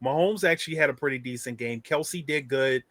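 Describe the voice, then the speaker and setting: Casting: man, co-host, emphatic and repetitive, bright forceful tone, dry close sound. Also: medium pitch, a little fast, no room sound. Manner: animated, emphatic, swearing, repeats phrases. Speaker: podcast co-host. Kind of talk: casual sports chat.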